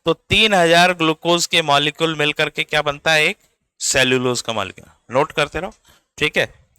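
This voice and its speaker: A man's voice: a little high, normal speed, bright, forceful tone, clean tone, no room sound. A man, teaching biology in a classroom lecture, explaining step by step and checking in with his students. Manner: spells out words letter by letter.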